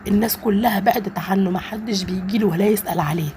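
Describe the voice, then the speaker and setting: A woman's voice: mid-range voice, quick pace, warm tone, slight background noise. A woman with an Egyptian Arabic accent, narrating a first-person story in an earnest, emotional way.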